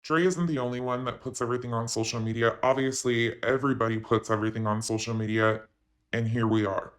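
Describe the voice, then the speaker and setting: A commentary channel host, talking through a voice changer, delivers opinionated remarks directly to his audience. He speaks quickly in a medium-pitched, steady, fairly bright voice.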